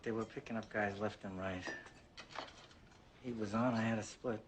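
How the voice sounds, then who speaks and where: An actor playing a hardened undercover cop in a crime drama, terse and streetwise. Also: male voice, on the low side, fairly even intonation, moderate pace, background noise, close to an everyday voice.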